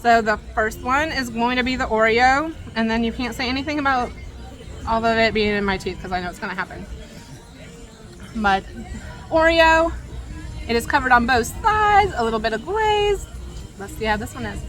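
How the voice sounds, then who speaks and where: Outdoors at a cruise line's island stop, a woman travel vlogger chats casually while reviewing food, talking with her mouth full and laughing often. Her fairly high, bright voice is animated at normal speed with long pauses, over soft background music and some chatter.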